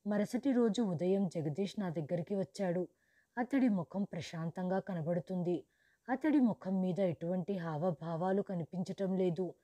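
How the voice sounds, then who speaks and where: A woman narrating a storybook in the first person as a grieving, widowed mother who lost her wealth, in a steady, measured reading. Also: fairly low pitch, no room sound, close to an everyday voice. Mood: sorrowful.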